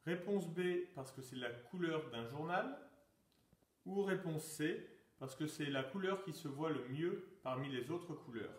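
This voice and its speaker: A fairly high-voiced man quizzing his pupils on sport trivia and calling out "top" before each workout exercise. He sounds set back from the mic in a reverberant room, reading each answer choice in a teacherly way. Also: animated, a little slow. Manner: announcing questions, calling out "top!" to start exercises. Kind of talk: lockdown quiz and exercise session. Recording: echoey room, mic far off.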